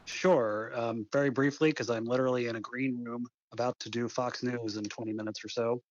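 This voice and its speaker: A man calling in as a phone interview guest, heard over the phone, talking in a measured, deliberate way about policy. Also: medium pitch, steady tone. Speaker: phone-in guest, head of an advocacy group. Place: green room before a TV appearance. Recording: muffled dry phone line.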